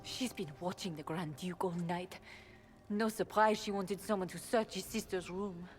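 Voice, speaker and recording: A woman's voice: on the low side, steady tone, moderate pace, soft background music, close to an everyday voice. Guarded, bitter servant woman, acted by a woman. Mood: guarded, uneasy. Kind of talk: video game dialogue acting.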